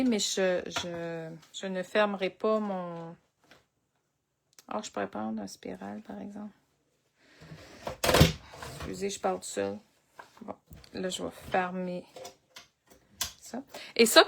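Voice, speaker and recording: A woman's voice: medium pitch, unhurried, creaky, long pauses, slight background noise. A woman with a Québécois French accent leading a live crafting tutorial, chatting and thinking aloud as she works. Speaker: crafting instructor.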